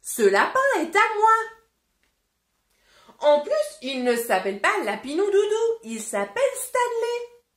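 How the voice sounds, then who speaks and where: A woman's voice: very high voice, wildly swooping pitch, measured pace, few pauses, a little mellow, exaggerated voice. A woman voicing a stubborn little girl who defends her toy rabbit, in an emphatic storybook voice. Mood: indignant. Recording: roomy echo.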